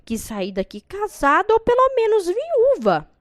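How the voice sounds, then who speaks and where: A woman voicing a greedy, desperate middle-aged bride who pleads loudly and theatrically. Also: very high voice, wildly swooping pitch, unhurried, dry recording, studio quality, pitched above the performer's own voice, exaggerated voice. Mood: insistent.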